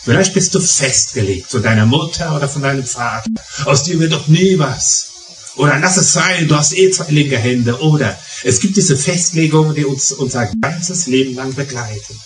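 A man's voice: medium pitch, moderate pace. A middle-aged preacher with a Palatinate German accent delivers a story-driven sermon and leans on emphatic repetition. His voice sits in the middle of the range for a man. He is recorded from a distance in a reverberant hall with faint music underneath.

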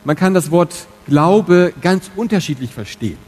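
A man preaching a sermon as pastor in church, speaking candidly and directly to his congregation, moving between quiet asides and loud emphatic stresses. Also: on the high side, lively intonation, moderate pace, breathy edge, low-quality recording.

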